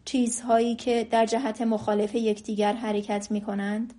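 A woman reading the lines of a frail, dying old man, gentle and wise, in a soft, quiet voice. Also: a little high, little pitch movement, lightly acted.

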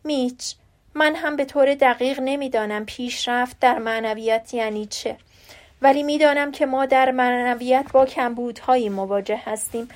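A woman reading as a gentle dying old professor. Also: fairly high pitch, natural voice.

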